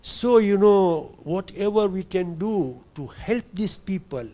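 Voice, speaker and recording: A man's voice: sits high, expressive, dark tone. Hesitant older man from Tanzania. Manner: hesitant, fills pauses with "you know". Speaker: audience member asking a question.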